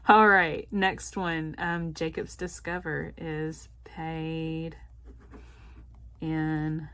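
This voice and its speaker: Chatty Southern woman with a slow drawl. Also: low voice, little pitch movement, fairly bright tone. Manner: chatty, laughs often, says "y'all". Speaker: budgeting vlogger. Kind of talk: casual direct-to-camera chat.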